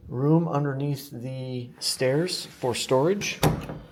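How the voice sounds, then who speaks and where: American man, enthusiastic realtor, mid-pitched voice, casual house-tour narration with salesy emphasis on features. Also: darkish tone. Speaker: real estate agent giving a home tour. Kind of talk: casual walk-through tour narration to viewers. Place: inside a house, walking room to room.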